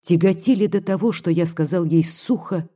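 An audiobook narrator reads classic prose in a measured, even way. The voice is dark and mellow. A husky texture runs through it. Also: medium pitch.

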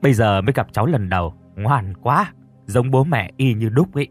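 A man's voice: medium pitch, expressive, normal speed, slightly rough, soft background music. A man voicing a frail older village woman. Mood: affectionate.

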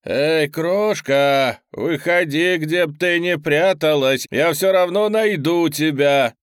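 A man voicing a sinister male demon with a hoarse, gloomy smoker's voice and a taunting manner. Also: on the high side, slow, no echo, studio quality, pitched above the performer's own voice. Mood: mocking. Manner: taunting, menacing.

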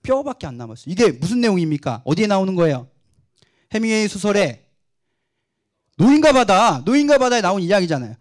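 A man's voice: sits high, big pitch swings, brisk, long pauses. A male pastor preaching a sermon, asking the congregation questions and acting out quoted speech.

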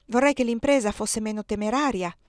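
A woman reading the part of the worried mistress of a household, who asks sharp, commanding questions, in a dry close recording. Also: on the high side, fairly quick, no room sound, voice pushed up, lightly acted.

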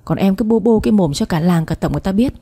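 A woman voicing a cautious young man who scolds in a hushed way, in a spoken story. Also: mid-range voice, expressive, racing, husky. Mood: hushed scolding.

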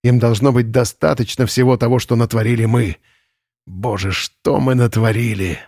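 A man voicing a desperate, unstable male camp commandant who pleads and shouts hysterically. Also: mid-range voice, fairly even intonation, normal speed, no room sound, clean studio sound, natural voice. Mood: brooding.

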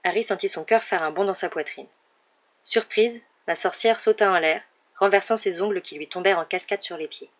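A woman narrating an audiobook in a steady, measured storytelling voice. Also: medium pitch, highs cut off.

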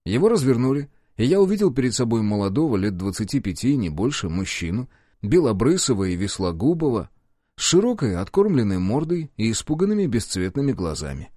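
A man narrating an audiobook in first person, in an expressive, ironic storytelling manner. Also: mid-range voice, brisk, no echo, studio quality.

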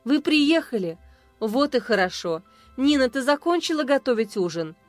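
A wronged young wife pleads through tears in a storybook reading, voiced by a woman narrator. The voice sits fairly high and climbs when she cries out. Faint music plays underneath. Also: sing-song, moderate pace, dry recording. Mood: warm.

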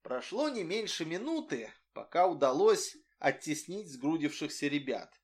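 Lively male audiobook narrator. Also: fairly high pitch, moderate pace. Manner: lively, expressive reading.

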